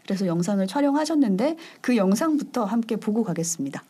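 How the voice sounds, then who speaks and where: A woman hosting a conversational interview, asking gentle, attentive questions. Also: medium pitch, animated, fast, slightly rough. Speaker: podcast host.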